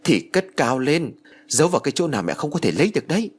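A man's voice: on the high side, very animated, fast talker, slightly rough, pitched above the performer's own voice. A man voicing a stern eldest brother who speaks in a curt, scolding way, in a spoken ghost-story audiobook.

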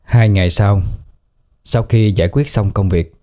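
A man narrating a ghost story in a steady, even storytelling manner. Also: on the low side, a little slow, soft background music.

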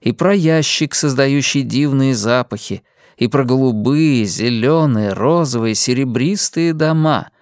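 A narrator reading a novel aloud in an expressive way. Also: mid-range voice, unhurried, dry recording, clean studio sound. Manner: expressive, lilting. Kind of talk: audiobook narration.

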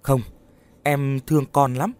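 A man's voice: mid-range voice, fairly even intonation, slow, darkish tone, smooth, pitched above the performer's own voice, close to an everyday voice. A man voicing the tearful ghost of a young wife in a storybook horror tale. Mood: grieving. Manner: tearful, pleading. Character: grieving young wife's ghost, tender.

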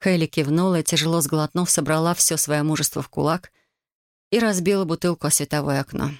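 An audiobook narrator reading a tense scene in measured, even storytelling. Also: mid-range voice, no echo, clean studio sound. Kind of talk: scripted narration.

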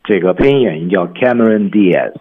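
Guy teaching english on the radio, kinda low voice, explains slowly word by word, sounds like a phone line. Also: lively intonation, crowd noise.

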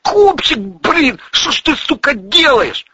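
A man voicing a jumpy, nicotine-starved young male slacker who talks in high, whiny slang. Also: very animated, a little slow, vocal fry, sharp tone, dull audio, heavily acted. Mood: wailing.

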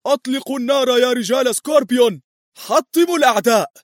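A man voicing a crazed, heavyset male spy chief who shouts orders wildly. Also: extremely high pitch, fast, no echo, studio quality, voice pushed up. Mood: frenzied.

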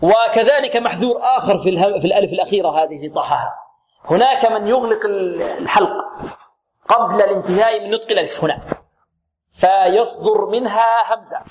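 رجل يعلّم التجويد بصوت مرتفع النبرة. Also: male voice, high-pitched. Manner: asks questions and answers them himself, repeats words slowly. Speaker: Quran recitation teacher. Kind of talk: tajweed lesson with demonstrations.

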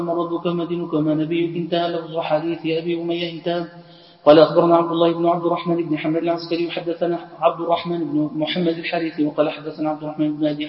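Male student reader, rapid flat recitation of old texts, distant roomy lo-fi recording. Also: fairly high pitch. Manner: flat, hurried reading of narrator chains. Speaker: student reading the text aloud. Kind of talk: rapid recitation of classical hadith text. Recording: distant, echoey hall, dull lo-fi sound.

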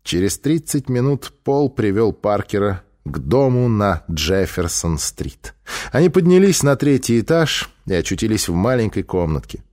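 A man's voice: on the low side, sing-song, normal speed, a little mellow. A man narrating an audiobook, shifting his voice for each character's lines. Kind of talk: audiobook reading with voiced dialogue.

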